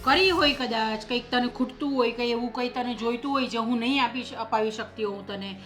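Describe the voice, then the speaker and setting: Soft background music underscores a short-film family drama where an actress voices a stern middle-aged mother-in-law. Her slightly high, firm voice moves a little fast and sounds close to everyday speech. She keeps pressing, accusing and insisting while reciting sums and grievances.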